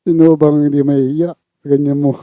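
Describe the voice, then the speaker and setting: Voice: medium pitch, level tone, moderate pace, dry recording, phone-quality sound. A person with a Filipino accent casually reacting to funny clips as host, trying not to laugh and sometimes chuckling.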